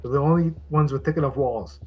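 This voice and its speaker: A man voicing a panicked older male senior enlisted soldier, yelling and stammering, out of breath. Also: on the high side, fast talker, slightly rough, dull audio, faint music behind. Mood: frantic.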